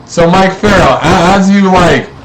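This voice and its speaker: A man's voice: high voice, unhurried, a little hiss or hum, rough recording. Profane man in a rambling rant. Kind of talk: rambling monologue to camera.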